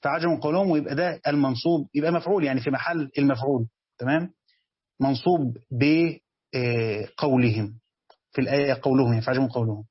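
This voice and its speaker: In a dry recording with the highs cut off, a fast-talking man with a medium-pitched, breathy voice and an Egyptian accent leads a religious commentary lesson. As a tafsir teacher, he reads each passage aloud before explaining it in casual colloquial speech.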